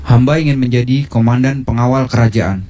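A man's voice: medium pitch, fairly even intonation, fairly quick, dark tone, slight background noise, lightly acted. A man playing a proud, determined warrior in a historical drama, speaking formally and firmly. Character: proud, determined warrior seeking royal command post. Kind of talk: Indonesian historical drama dialogue.

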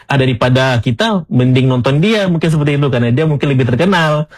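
A man from Aceh with an Acehnese accent, talking as a content-creator guest in a relaxed, casual way with frequent fillers and chuckles. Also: medium pitch, fast talker. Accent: Acehnese-accented Indonesian. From Aceh, Indonesia. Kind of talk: casual podcast interview.

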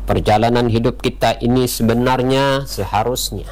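A man giving a radio sermon in a measured way, opening with Arabic prayer formulas. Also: medium pitch, fairly even intonation, darkish tone, slight background noise, rough recording. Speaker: radio preacher.

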